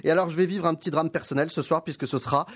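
A man's voice: a little high, steady tone, very fast, breathy edge. A man giving a comic TV column on the radio, with a wry, mocking way of talking into a studio microphone.

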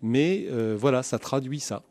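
A man, a journalist guest on a radio talk show, explaining at length in a measured, lecturing way. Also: mid-range voice, expressive, a little mellow, dry recording. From southwest France.

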